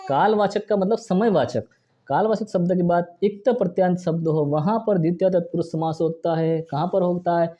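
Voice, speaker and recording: A man teaching a Sanskrit grammar lesson, talking fast, repeating each example and asking and answering his own questions. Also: high-pitched, dark tone, muffled recording. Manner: fast, brisk delivery. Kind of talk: exam-prep grammar lesson.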